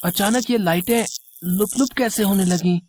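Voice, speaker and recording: A woman's voice: medium pitch, moderate pace, a little mellow, a little hiss or hum, lightly acted. A woman voicing a scared little boy. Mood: curious. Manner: pleading, frightened outbursts. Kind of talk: storybook animation voice acting.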